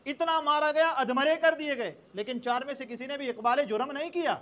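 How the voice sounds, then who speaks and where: Man, very high pitch, sermon storyteller, animated, voices each character's lines. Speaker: preacher.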